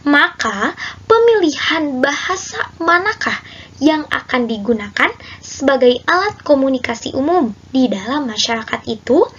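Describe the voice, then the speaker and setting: A woman's voice: sits high, a bit bright, highs cut off. A young woman student presenting and explaining course material to her class, summing points up in her own words.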